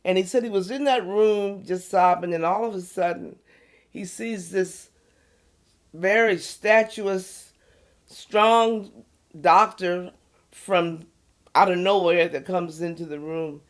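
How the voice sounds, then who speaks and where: An older woman being interviewed, calmly recounting a personal story and acting out the quoted voices of others. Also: fairly low pitch, slow pace. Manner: animated retelling, voices quoted speech, soft at tense moments. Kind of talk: conversational storytelling.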